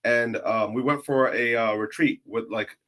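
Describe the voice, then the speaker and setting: A man's voice: medium pitch, steady tone, moderate pace, a bit bright. Laid-back man with a mid-range voice. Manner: laid-back, uses lots of "like". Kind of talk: casual storytelling.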